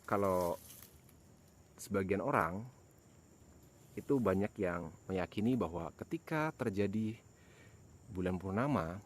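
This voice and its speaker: A man with a fairly low voice narrates a casual walking vlog at night. His manner is uneasy and pious. The outdoor recording carries clear noise, with animal and nature sounds around him. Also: animated, slow, long pauses. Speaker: host of a night exploration vlog. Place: outdoors in an overgrown plantation at night.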